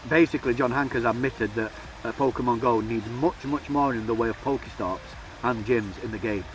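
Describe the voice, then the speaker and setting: A man in a casual vlog, talking fast and excitedly about game news. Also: mid-range voice, far from the mic, a little hiss or hum, poor audio. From United Kingdom. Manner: excitable, enthusiastic, talks fast. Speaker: YouTuber.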